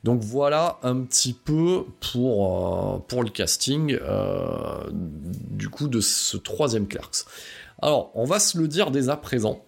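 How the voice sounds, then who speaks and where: A man's voice: mid-range voice, animated, takes it slowly, creaky, husky. A man hosting a casual film review podcast, rambling with many hesitations and wry asides. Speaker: podcast host.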